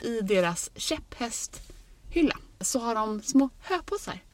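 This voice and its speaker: A woman's voice: on the high side, sing-song, no echo. A woman co-hosting a podcast from inside a car, chatting candidly and with enthusiasm. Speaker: podcast co-host. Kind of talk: casual chat.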